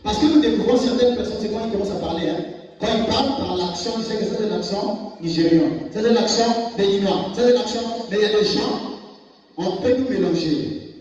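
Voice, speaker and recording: A man's voice: high voice, fairly quick, darkish tone. A man preaching a sermon, repeating words and quizzing the congregation with questions. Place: church hall. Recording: distant, echoey hall, dull lo-fi.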